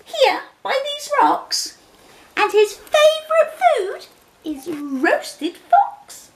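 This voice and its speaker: Woman doing a storybook mouse, very high, lively, giggly, echoey room. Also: very slow, full character voice. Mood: gleeful. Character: plucky clever little mouse.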